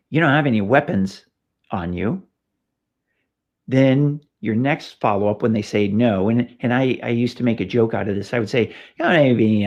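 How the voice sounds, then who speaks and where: Gravelly-voiced man teaching police skills. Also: mid-range voice, a little mellow. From California. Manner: conversational, anecdotal, with frequent fillers and restarts. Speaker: police trainer host. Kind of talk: casual instructional talk. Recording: slightly dull lo-fi recording.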